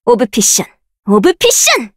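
A high, lively young woman's voice, proud and sure of herself. She barks commanding skill shouts in bold, confident bursts. The sound is close and dry, with no room around it. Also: measured pace, no room sound, heavily acted. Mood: battle shouts. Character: proud, confident young woman researcher of dark rift powers. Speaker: voice actress for a game character. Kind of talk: game voice lines, battle shouts.

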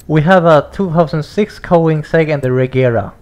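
A young man hosting a racing game let's-play, excitable and stammering, laughing and swearing as he reacts. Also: a little high, moderate pace. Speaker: gaming channel host.

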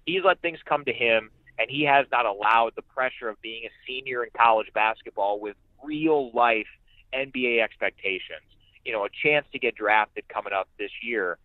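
A man appears as a guest on the radio, offering conversational sports analysis with emphatic delivery and repeated phrases. His medium-pitched voice moves at a normal speed with no echo, though the sound is muffled and band-limited, like a phone line.

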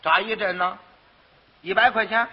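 A man's voice: high voice, moderate pace, slightly rough. A man doing a boastful quack doctor. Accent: Beijing. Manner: hawking, boastful sales patter. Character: brash male quack doctor, smooth-talking swindler. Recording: dull lo-fi archive recording.

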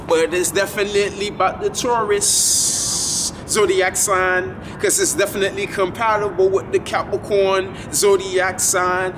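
A man in his twenties talking casually to the camera outdoors at night, rambling and repeating himself. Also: high voice. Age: 20s. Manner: rambling, repetitive, laid-back. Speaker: vlogger. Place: outdoors at night in front of a building. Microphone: camera a few feet away. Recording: distant camera mic, street noise.

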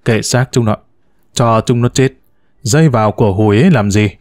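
A man's voice: on the low side, normal speed, darkish tone, no room sound, close to an everyday voice. A man voicing a blunt youngest son who lectures his mother in a storybook reading. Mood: dismissive.

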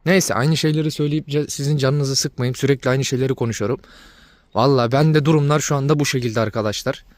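A dog breeder vlogger talks casually to his viewers about his dogs, venting in exasperation and repeating himself. His mid-range voice is fairly even and quick, with no room sound.

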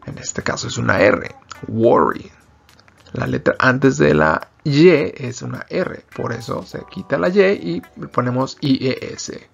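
A man's voice: mid-range voice, animated, measured pace, vocal fry, breathy edge, lo-fi sound, soft background music. A man teaching an English lesson in Spanish, explaining grammar patiently and repeating example sentences in both languages.

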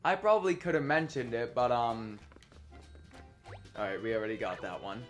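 A man's voice: medium pitch, moderate pace, faint music behind. A teenage boy hosting a let's play, chatting casually with lots of ums and a slight lisp from a retainer. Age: teens. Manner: chatty, rambling with many ums. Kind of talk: casual gameplay commentary.

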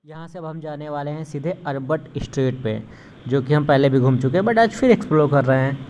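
Walking a city market and streets as a travel vlogger, a young man from India talks chattily to viewers, calling them brothers. His voice is fairly high, a little fast and a little mellow, over street noise from the handheld recording.

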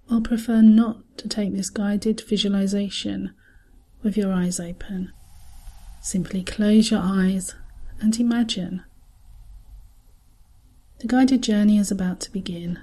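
A woman with a mid-range voice narrates a scripted guided visualisation. She sounds calm, soothing and soft, with breathy edges and long pauses.

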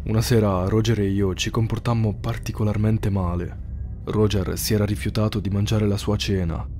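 A man narrating a horror story in a measured, somber scripted read. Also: lowish voice, flat delivery, dark tone, faint music behind.

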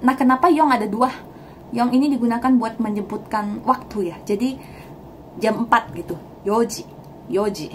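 A young woman giving a casual language lesson, chatty and laughing often, repeating words slowly for learners. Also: on the high side, a little hiss or hum. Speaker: Japanese language teacher.

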